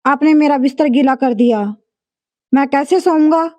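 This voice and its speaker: A woman voicing a grown son in a storybook tale, impatient and quick-tempered, talking in an irritable, complaining way. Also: high-pitched, dark tone, no echo, dull audio, natural voice. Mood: angry.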